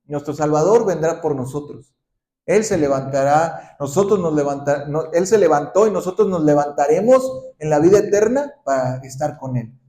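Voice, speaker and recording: A man pastor preaching a sermon, often asking the congregation questions and ending points with a quick "¿sí?". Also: on the high side, expressive, dark tone. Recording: roomy echoing hall.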